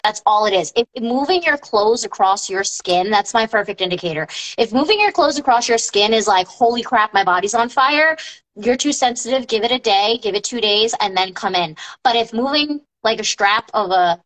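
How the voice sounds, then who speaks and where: A woman's voice: mid-range voice, normal speed, fairly bright tone, rough recording. A woman in her thirties, a post-op massage therapist, talking casually and emphatically to her followers, her voice rising when she gets indignant. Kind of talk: casual live-stream talk to followers.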